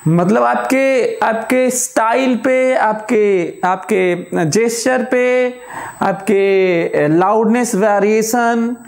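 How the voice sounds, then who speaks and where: A man teaching a physics lecture, explaining by repeating examples aloud with long pauses and slowly dictating notes. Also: sits high, vocal fry, echoey room. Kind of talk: classroom lecture.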